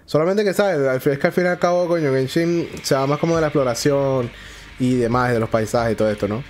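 A Venezuelan man giving excited, slangy gameplay commentary with loud exclamations and rapid repeated words. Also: mid-range voice. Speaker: gameplay streamer. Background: game music.

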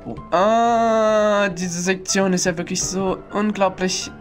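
A man's voice: high voice, fairly even intonation, slow. A young man giving sarcastic let's-play commentary and mocking the game characters as he plays. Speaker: gaming YouTuber. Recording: game music playing behind the voice.

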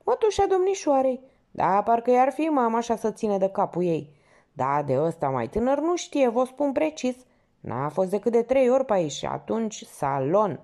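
A woman's voice: fairly high pitch, very animated, warm tone, voice pushed up. A woman doing a fawning gossipy old porter. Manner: obsequious, gossipy, exclaiming. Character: fawning chatty older male theater porter.

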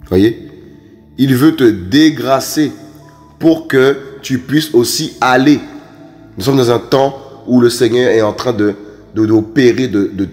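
Male preacher, fervent sermon delivery, stammers and repeats, sudden high outbursts, soft music under him. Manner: emphatic, repetitive, frequent stammered restarts; rises to sharp high exclamations.

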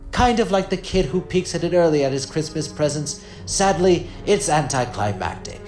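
A man voicing a gleefully cruel clown supervillain in a cartoon fan dub, theatrical and mocking, drawing out his taunts from hushed menace to shrill glee. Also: big pitch swings, moderate pace. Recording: roomy echo with music behind.

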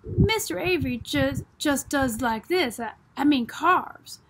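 A woman's voice: high-pitched, lively intonation, unhurried, noisy background. Jem, a woman reading as a puzzled boy. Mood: earnest. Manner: drawling Southern small-town speech. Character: earnest boy of about twelve, secretive and puzzled. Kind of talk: audiobook reading.

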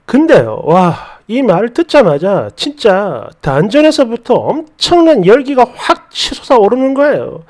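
A man reads a first-person story and its comments aloud with an exasperated edge. His voice sits high for a man and swings widely in pitch, keeping the retelling animated. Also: a little slow, hardly any pauses. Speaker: story narrator.

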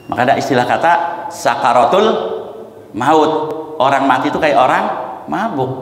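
A man preaching in a mosque, with a lilt, folksy and lively, sprinkling his talk with "nah" and chanting demonstrations. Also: mid-range voice. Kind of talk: mosque religious lecture. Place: mosque hall. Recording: echoey long reverb of a mosque hall.

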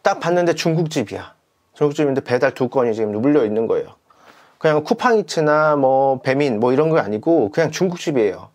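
A man who rides a delivery motorcycle tells a story in a casual vlog. He talks animatedly, uses many fillers and acts out his own shouted words. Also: medium pitch, expressive, fairly quick. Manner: many fillers and repeated "이렇게".

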